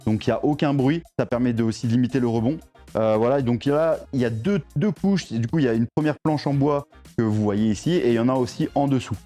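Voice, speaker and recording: A man's voice: medium pitch, fast talker, warm tone, soft background music. A young man, chatting casually through a tour of his home garage gym, full of fillers and restarts. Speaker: CrossFit athlete showing his home gym.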